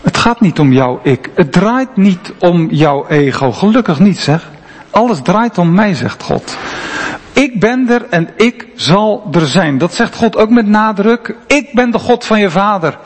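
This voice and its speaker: Male preacher, high voice, conversational and emphatic, long church-hall reverb. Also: animated, unhurried. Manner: conversational, emphatic preaching with frequent rhetorical questions. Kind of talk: sermon.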